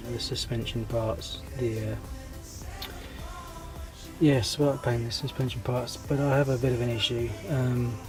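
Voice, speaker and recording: Battling a cold that has stuffed his nose and is taking his voice, a scale model hobby host chats casually with viewers in a mid-range voice, friendly and easygoing. He hesitates a lot and keeps restarting sentences, with clear background music under him on poor audio.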